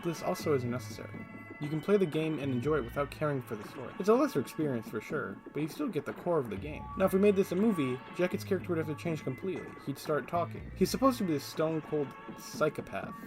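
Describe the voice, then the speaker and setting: Over background music, a man with a fairly high, expressive voice talks fast as a video essayist. His scripted commentary is casual and opinionated, with a sarcastic streak.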